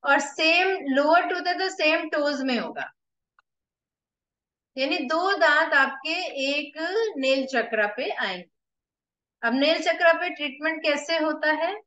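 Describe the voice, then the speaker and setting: A woman with an Indian accent teaches a lesson, her voice set high and her delivery unhurried as she walks through each step. The sound is roomy with a noticeable echo and a somewhat dull, muffled quality. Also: fairly bright tone. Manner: explains step by step, mixing Hindi and English, slow and deliberate. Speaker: acupressure teacher. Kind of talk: whiteboard lesson. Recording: echoey room, slightly dull.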